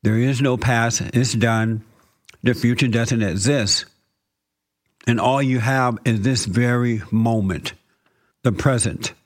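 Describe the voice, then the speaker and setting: Slow, calm man guiding a meditation. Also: medium pitch. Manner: slow, calm instructions with repeated phrases and scripture. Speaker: meditation guide.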